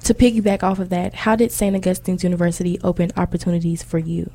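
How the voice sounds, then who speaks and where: Mellow young woman interviewer. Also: fairly low pitch, fairly even intonation, quick pace, a little hiss or hum. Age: young adult. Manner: encouraging, brief affirmations. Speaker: student interviewer. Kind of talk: interview hosting.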